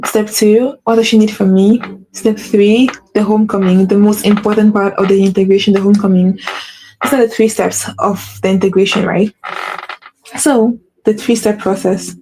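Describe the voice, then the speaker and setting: A spiritual coach hosting her own podcast speaks straight to listeners in a mellow, soft-edged, mid-range voice at normal speed with fairly even intonation. In this earnest solo motivational talk she circles back over the same points, keeps asking "right?", mentions her stutter and corrects herself often. The recording is rough, with a faint hiss behind her.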